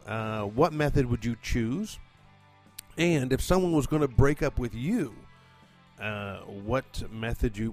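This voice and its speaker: A man's voice: medium pitch, darkish tone. Rambling, profane man hosting a podcast. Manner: chatty, profane, rambling with many fillers. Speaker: podcast host and producer. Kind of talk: casual rambling monologue. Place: condo at home.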